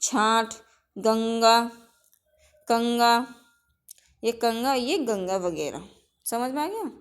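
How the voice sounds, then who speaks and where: A woman's voice: a little high, animated, extremely slow, smooth. A woman teaching an exam-prep lesson, stating each rule, repeating it and asking it back as a question before listing example words. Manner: drills with example words in a list.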